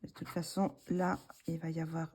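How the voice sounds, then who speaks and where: A woman's voice: low-pitched, little pitch movement, moderate pace, darkish tone, breathy edge. A woman with a French accent, casually narrating a craft tutorial while she works, thinking aloud with hesitations. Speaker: art tutorial host.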